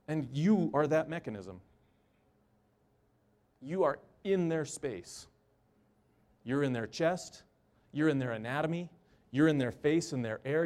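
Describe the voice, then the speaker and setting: A man who works in an emergency room gives a personal storytelling talk, earnest and halting, with short repeated phrases. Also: a little high, a little mellow. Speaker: emergency room medical worker.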